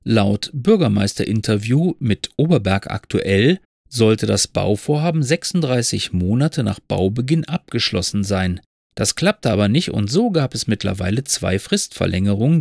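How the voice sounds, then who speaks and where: A man's voice: fairly low pitch, lively intonation, normal speed, vocal fry, darkish tone, no echo, studio quality. A man hosting a podcast, musing in a wry, rambling way and reciting a poem. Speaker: podcast host. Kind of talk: monologue and poem reading.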